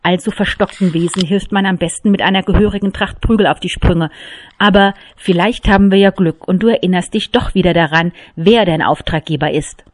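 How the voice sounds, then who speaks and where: A woman's voice: lowish voice, brisk, natural voice. A woman reading an icy, scornful lieutenant. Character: cold, mocking male army lieutenant.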